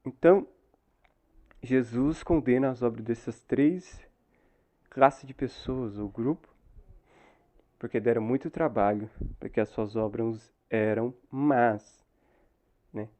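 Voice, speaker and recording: A man's voice: mid-range voice, slow pace, long pauses, darkish tone. A man with a Brazilian Portuguese accent giving a Bible lesson to new converts, explaining patiently and ending many phrases with a questioning tag. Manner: explanatory, tags phrases with frequent "né?". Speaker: church Bible teacher.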